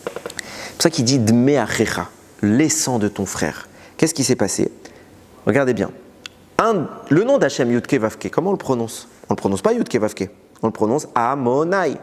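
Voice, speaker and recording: Animated rabbi teaching in a reverberant hall. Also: male voice, medium pitch, normal speed, pauses often. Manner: lively teaching, poses and answers his own questions. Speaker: rabbi teaching a Torah class. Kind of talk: recorded Torah lesson.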